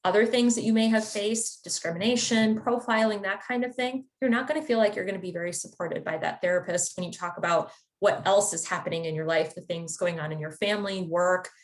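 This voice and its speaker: Woman therapist explaining in conversational tones. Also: fairly low pitch. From Chicago area, United States. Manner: conversational and explanatory, with occasional fillers. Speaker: therapist presenting a wellness webinar. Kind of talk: informative webinar presentation.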